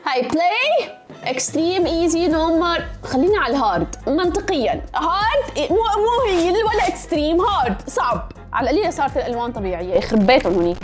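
A young woman rattles through her let's-play at high speed, her voice sitting very high and swinging wildly. She is dramatic, yelping and muttering oaths as she plays. Game music plays clearly behind her. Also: big pitch swings, quick pace. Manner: dramatic, shrieks and mutters oaths while playing. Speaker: gaming YouTuber. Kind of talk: excitable let's-play commentary.

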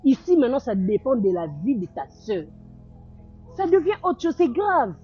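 A woman's voice: high voice, very animated. An actress playing a worried, outspoken young woman who scolds her friend insistently, in a film drama with dull lo-fi sound. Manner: insistent, scolding, quick interruptions. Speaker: friend giving advice. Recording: dull lo-fi sound with faint music.

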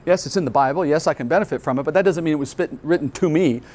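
A man's voice: a little high, racing, a little mellow. A male pastor giving a Bible teaching at a conference, explaining earnestly step by step and asking rhetorical questions. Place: conference hall.

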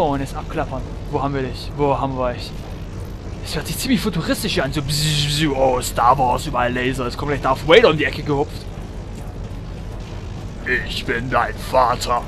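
A man giving chatty commentary while playing a shooter game, humming and chanting while he shoots and exclaiming often. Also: on the high side. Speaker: let's player. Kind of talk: gameplay commentary.

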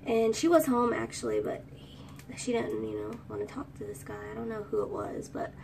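A young woman in her twenties chats through a get-ready-with-me storytime while styling her hair, rambling and singing fragments of songs. Her voice is high and girlish with vocal fry, brisk and steady in tone. Recorded on a phone camera at arm's length in a small room, it sounds distant, with faint room ambience and background noise.

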